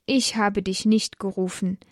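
A woman voicing the old priest Eli, calm and fatherly, in a storybook reading with measured speech. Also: medium pitch, no room sound, clean studio sound, close to an everyday voice.

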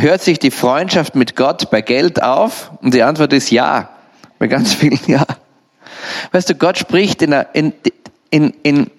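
Animated man, higher voice. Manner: animated, repetitive, addresses the listener directly. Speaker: lay preacher. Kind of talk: storytelling sermon.

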